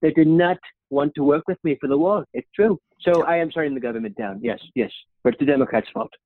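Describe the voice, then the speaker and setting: A man's voice: fast talker, dry recording, lightly acted. A young man doing a bragging rambling president. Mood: boastful. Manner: rambling, repeats "okay?" with a dropping pitch. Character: boastful male president, rambling and self-praising. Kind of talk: comedic impression sketch. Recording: tinny phone-like sound.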